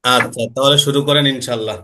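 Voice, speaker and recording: A man's voice: mid-range voice, fairly even intonation, quick pace, sharp tone. A male Quran teacher tutoring online, patiently correcting a student's pronunciation. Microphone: online call.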